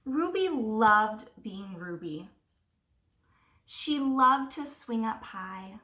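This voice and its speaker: A woman teacher reading a picture book aloud to young children, expressively, pausing to ask them simple questions. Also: on the high side, lively intonation, bright, forceful tone. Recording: roomy echo, distant microphone.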